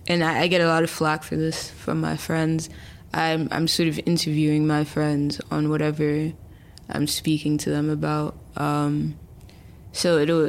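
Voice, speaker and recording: A woman in her early twenties with a low voice and vocal fry is a chatty interview guest on a remote call. She talks casually, using lots of fillers and restarts.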